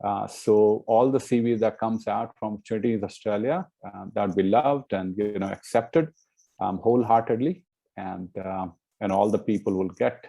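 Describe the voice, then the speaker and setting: A man's voice: fairly low pitch, moderate pace, vocal fry, warm tone. A middle-aged man from India, a guest in a casual interview, talking earnestly with many fillers and "you know".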